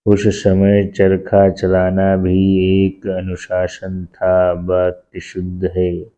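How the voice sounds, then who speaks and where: A man teaching an exam-prep lesson, reading out each question and answer in a slow, methodical way and repeating every answer word by word. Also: deep voice, completely flat delivery, dark tone, clear, resonant tone, muffled recording. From India.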